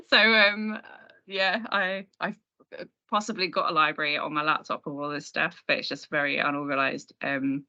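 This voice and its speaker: A woman with a low-pitched, sharp-toned voice talks at a moderate pace in a relaxed Q&A about design software. She is a speaker at an online meetup, joining by video call, and pokes fun at herself, all captured in dull, compressed call audio.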